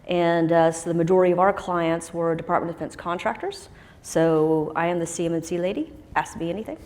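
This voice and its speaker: A woman from Huntsville, Alabama talks on a conference panel in a lower voice, chatty and self-deprecating, with plenty of ums. Her voice rings through a large hall with a long reverb tail. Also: a little fast, a little mellow.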